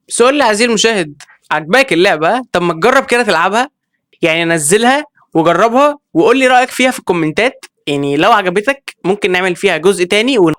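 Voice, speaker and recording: A man with an Egyptian accent giving excitable let's-play commentary, reacting with quick exclamations and talking straight to his viewers. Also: high voice, dry recording. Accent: Egyptian Arabic. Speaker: gaming video creator.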